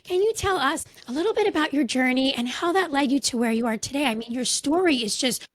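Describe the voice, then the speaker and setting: A woman's voice: high voice, expressive, fast, no echo, clean studio sound. A woman hosting a podcast, introducing her guest with effusive enthusiasm. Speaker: podcast host.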